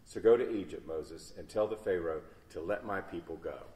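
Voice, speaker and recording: A booming, commanding God speaks solemnly from a burning bush, as a man reading a story puts him on. The voice is deep and low. It rings through a large echoey church, caught from a distant mic. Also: normal speed, a little mellow, lightly acted.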